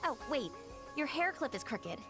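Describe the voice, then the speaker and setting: A woman's voice: high voice, big pitch swings, normal speed, music in the background. An actress voicing a cheerful, affectionate young woman who dotes on her older sister in a video game. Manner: bright, bubbly and affectionate.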